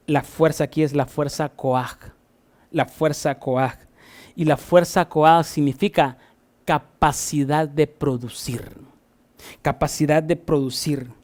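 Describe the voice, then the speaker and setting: A pastor from Honduras with a Honduran Spanish accent, preaching a sermon. He repeats key phrases and moves between forceful rising passages and quiet, low asides. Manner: swings from loud emphatic repetition to soft low asides.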